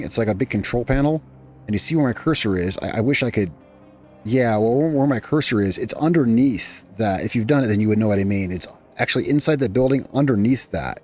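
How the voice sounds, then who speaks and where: A man's voice: medium pitch, a little hiss or hum. A man hosting a gaming channel, talking through his gameplay in a casual, rambling way that often corrects itself midway. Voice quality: rambling, self-correcting, chatty.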